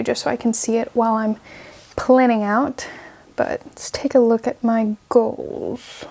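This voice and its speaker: A young woman talks her way through her weekly plans in a loose, chatty vlog, thinking aloud as she types. Her voice sits a little high but has a soft, mellow color. She sounds relaxed and unscripted, recorded at her desk. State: out of breath. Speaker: vlogger. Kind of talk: casual planning vlog with screen recording.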